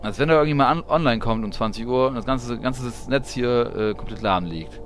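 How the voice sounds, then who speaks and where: A gaming streamer plays live, chatting and grumbling while thinking out loud in casual gameplay commentary. His voice is medium in pitch and brisk, with game music in the background.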